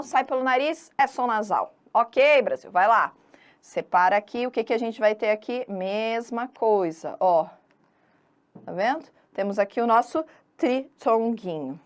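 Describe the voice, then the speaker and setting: A woman from Brazil giving an online exam-prep grammar lesson in a chatty, teasing way, drawing out syllables to stress a point. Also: fairly high pitch. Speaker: Portuguese teacher.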